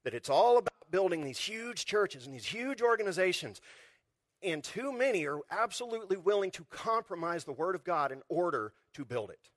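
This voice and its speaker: A male pastor delivers a sermon in an animated, talk-to-you style and keeps throwing questions at the congregation. His voice sits on the high side for a man. The recording is close and dry. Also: normal speed, no echo. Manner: animated, conversational preaching with rhetorical questions.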